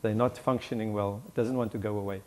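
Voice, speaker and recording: A man, a doctor guest on a studio talk show, explaining in a measured way. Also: lowish voice, fairly even intonation, a little mellow.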